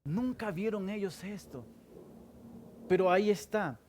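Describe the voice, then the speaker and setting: Pastor preaching with dramatic swings. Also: male voice, unhurried, slight background noise. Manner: asks the congregation questions and answers them himself; swings between loud stresses and hushed low asides. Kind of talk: sermon.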